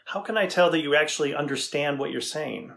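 Playing a curious tech engineer interviewing an AI, a middle-aged man delivers his lines in a scripted dramatization with a brisk, higher, fairly bright voice and vocal fry. He sounds matter-of-fact, skeptical and probing, recorded indoors with a plain backdrop.

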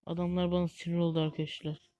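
A woman giving live gameplay commentary as a gaming YouTuber, excitable and easily frustrated, chatting to viewers like friends. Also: lowish voice, fast talker, slight background noise.

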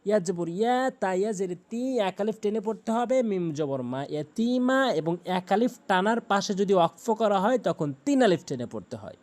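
A man's voice: sits high, big pitch swings, a little mellow. Bengali-accented man teaching Quran recitation. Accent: Bangladeshi Bengali. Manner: slow melodic chanting of verses between plain explanations. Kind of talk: tajweed lesson with recitation.

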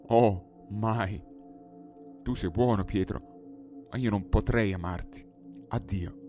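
A poor young village girl, earnest and frightened, speaking with quiet gravity, as a man reads her lines. His own low voice barely lifts for her. Singing bowl music hums clearly behind the audiobook reading. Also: slow pace. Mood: horrified. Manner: grave, softly serious. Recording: studio narration over singing bowl music.

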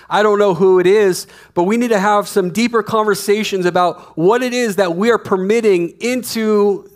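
A man in his thirties preaching a sermon on a church stage, emphatic and repeating his key lines, on a headset mic. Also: high-pitched. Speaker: pastor.

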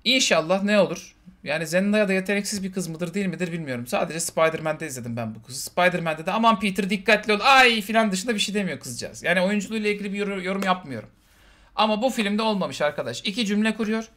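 A man in casual conversation about a film, animated and quick to mimic characters in passing. His voice sits high for a man, and the words tumble out at a rapid clip. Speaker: podcast co-host. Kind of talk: casual film review chat.

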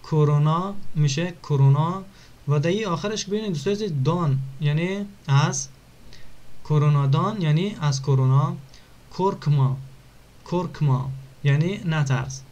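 A man teaching an online language lesson, repeating words slowly and clearly for pronunciation. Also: fairly high pitch, a little mellow, highs cut off.

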